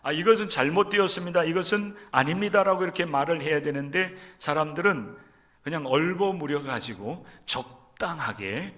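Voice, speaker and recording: A man from Chungcheong delivers a sermon in a church sanctuary, his voice sitting slightly higher than most men's. He speaks straight to the congregation. His delivery rises to loud, emphatic stresses and falls back to hushed, almost whispered phrases. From Chungcheong region, Korea. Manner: swings between loud emphatic stresses and soft near-whispers; addresses the congregation directly and often. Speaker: pastor. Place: church sanctuary during a service.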